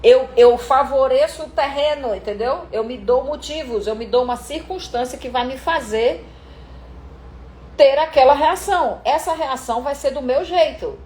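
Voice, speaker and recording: A middle-aged woman coaching voice actors in a live session, talking in a lively way, acting out quotes and swearing casually. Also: sits high, moderate pace. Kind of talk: live teaching talk on voice acting. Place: room indoors, live stream. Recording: echoey room with faint background noise.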